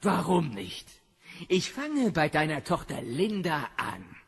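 An actor playing a brutish, bullying rich husband in an audio drama, sneering and menacing. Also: male voice, a little high, huge pitch swings, takes it slowly, creaky, a bit bright, husky, exaggerated voice.

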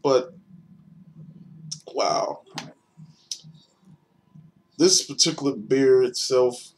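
A man's voice: medium pitch, drawn-out words. A young man giving a casual, rambling beer review on video, hesitant and full of fillers.

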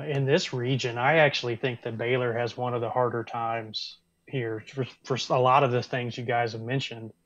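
A man's voice: medium pitch, a bit bright, no echo. A man hosting a casual sports chat, steering from topic to topic with hedging fillers. His mic sounds dry and a bit dull, like a lo-fi setup.

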